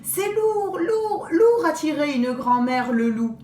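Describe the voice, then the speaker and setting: Sly, mischievous little girls from a storybook chirp and coax in high, bouncing voices, as a woman puts them on. The room echoes around the voice. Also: very animated, slow, darkish tone, a little hiss or hum, heavily acted. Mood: teasing. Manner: childlike, coaxing.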